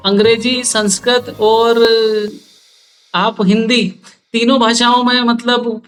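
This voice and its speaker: A man's voice: very high voice, flat delivery, takes it slowly, fairly bright tone, recorded from a distance, faint music behind. A man hosting a podcast interview, asking questions and giving brief affirmations.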